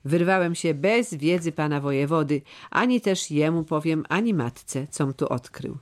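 Reading an audiobook part, a man gives a lightly acted performance of an old, faithful steward in a slightly high voice at normal speed. The character's speech is grave, earnest, solemn, and old-fashioned.

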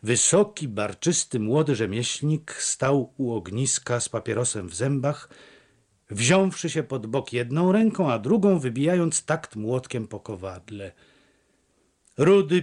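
Male audiobook narrator, classic novel, slow, lively intonation, expressive. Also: mid-range voice.

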